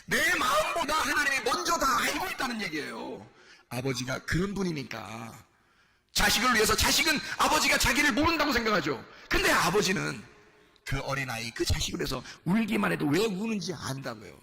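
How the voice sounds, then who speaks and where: A male pastor preaching a sermon and leading a shouted healing prayer with fervent intensity. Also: sits high, big pitch swings, fairly quick, vocal fry. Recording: loud music behind the voice. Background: loud church music.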